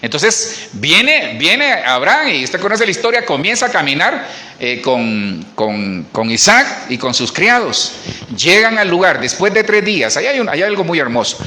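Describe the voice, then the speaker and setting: Guy preaching in church, bright voice kinda high, chatty asides to the people. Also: normal speed. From Colombia. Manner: lively, conversational preaching with frequent restarts and asides to the congregation. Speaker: pastor. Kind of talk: sermon.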